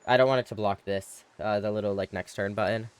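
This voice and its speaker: A man's voice: lowish voice, fairly even intonation, quick pace, clean tone. Chatty male game streamer thinking aloud. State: yawning, tired. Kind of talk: casual live gameplay commentary.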